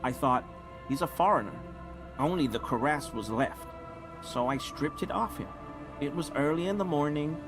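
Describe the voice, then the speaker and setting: A man's voice: a little high, animated, normal speed, natural voice. An actor playing a nervous, ashamed male assistant in a video game, speaking apologetically. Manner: apologetic, sheepish. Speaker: game character. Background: game music.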